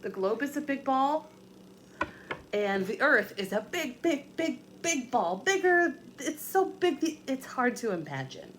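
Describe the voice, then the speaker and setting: A woman teacher reads to young children in a high, sing-song voice that is fairly bright and a little slow, with a slight hiss or hum present. She breaks off for patient explanations in simple language, repeating points and posing questions.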